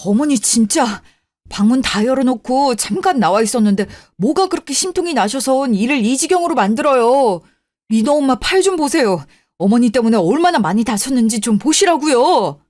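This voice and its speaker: A woman's voice: medium pitch, brisk, a little mellow, dry recording, clean studio sound, natural voice. A woman voicing a weary middle-aged husband, worn down by caring for his mother, in a radio drama. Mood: exasperated. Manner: pleading, then venting frustration. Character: middle-aged husband, patient son, tired and strained. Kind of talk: Korean radio drama acting.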